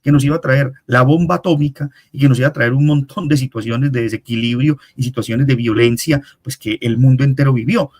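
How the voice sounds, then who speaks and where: Husky man explaining in a measured way. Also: mid-range voice. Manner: measured, explanatory, with frequent hesitations. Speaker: researcher and university professor, guest. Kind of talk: reflective interview answer.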